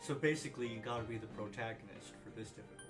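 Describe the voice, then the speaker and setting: A man's voice: fairly low pitch, very fast. A man playing a video game and chatting casually, with playful jokes and bits of game text read aloud. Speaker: gamer playing and commenting. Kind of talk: casual let's-play chat. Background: game music.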